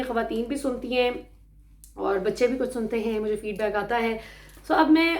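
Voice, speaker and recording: Woman, high voice, political commentary vlog, emphatic and indignant, echoey room. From Pakistan. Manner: mixes English phrases into speech, emphatic and indignant. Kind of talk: casual political commentary to viewers.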